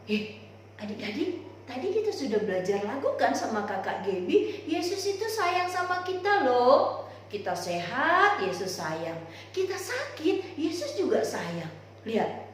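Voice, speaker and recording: High sing-song sunday school teacher lady, slow and bouncy, echoey room. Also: a little hiss or hum. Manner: animated, sing-song, talks straight to kids. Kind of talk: storytelling for children.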